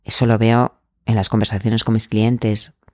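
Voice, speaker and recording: A man working as an anxiety coach, giving calm self-help advice in a gentle, measured, encouraging way. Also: fairly low pitch, no room sound, studio quality.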